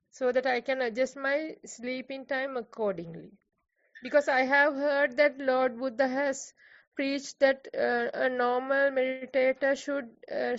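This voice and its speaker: High, gravelly Sri Lankan woman, hesitant. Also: no room sound. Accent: Sri Lankan English. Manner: hesitant, full of fillers. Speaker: participant asking a question. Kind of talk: questions on an online call. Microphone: video call. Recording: muffled, dry online call audio.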